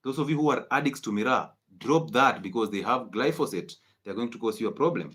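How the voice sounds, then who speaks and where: A man lectures his viewers in a live-streamed health talk. His pitch is middling, and his delivery is preachy and insistent, circling back to drive each point home. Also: animated, brisk, fairly bright tone. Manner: emphatic, preachy, repeats key points. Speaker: health educator.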